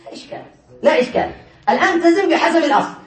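A man's voice: very high-pitched, lively intonation, rapid-fire. A male teacher giving a classroom grammar lesson, explaining step by step and often laughing as he checks whether students follow. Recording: echoey room, mic far away.

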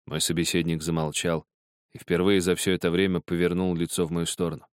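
Deep-voiced male audiobook narrator. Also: level tone, fairly quick, clear, resonant tone, no room sound, studio quality. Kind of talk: scripted narration.

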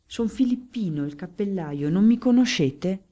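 A woman's voice: mid-range voice, animated, unhurried, warm tone. A woman voicing a poor, desperate middle-aged male hatter who begs insistently for help. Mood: pleading. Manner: pleading, insistent.

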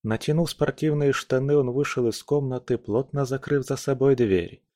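A man narrating an audiobook in a calm, measured reading. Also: medium pitch, no room sound, studio quality. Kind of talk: scripted narration.

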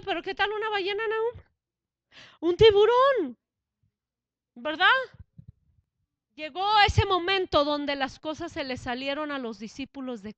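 A woman preacher, delivering a lively sermon. Her voice sits high and bright. It is recorded dry and close, with no room echo. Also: lo-fi sound. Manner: animated, swings from hushed to shouted.

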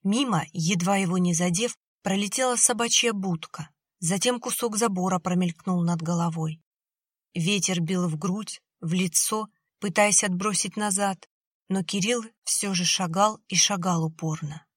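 A woman narrating a horror story in a tense, measured storytelling manner. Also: on the low side, husky, no room sound, clean studio sound. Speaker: audiobook narrator.

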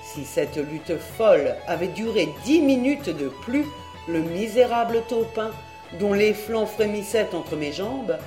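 A woman's voice: medium pitch, expressive, a little slow, mellow, soft background music. Woman narrating a novel, roomy sound. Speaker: audiobook narrator.

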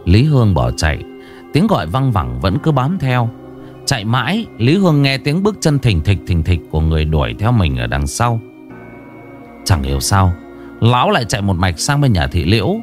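A man's voice: on the low side, wildly swooping pitch, normal speed, faint music behind. A man narrating a ghost story with dramatic, rising and falling delivery.

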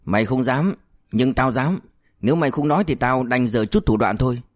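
A man's voice: medium pitch, brisk, close to an everyday voice. A man doing a sly, bullying cop. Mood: scheming. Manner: mocking, threatening, crude. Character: cynical, bullying male cop, sly and menacing.

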